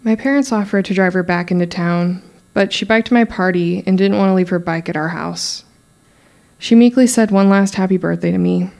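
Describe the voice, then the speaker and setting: A young woman playing a podcaster who recounts her murdered cousin's case, in measured, solemn, scripted true crime narration. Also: on the low side, creaky, darkish tone. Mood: regretful.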